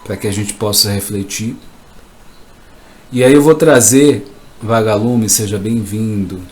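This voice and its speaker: A man giving a live motivational talk as a coach, emphatic and repetitive, sometimes acting out shouts. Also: lowish voice, a little slow. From Brazil.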